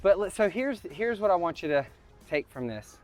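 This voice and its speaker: A man's voice: sits high, sing-song, normal speed, a little mellow, soft background music. A man hosting a house walkthrough, explaining prices and renovation costs in a joking, talkative way. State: out of breath after climbing. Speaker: real estate host. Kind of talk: walkthrough commentary.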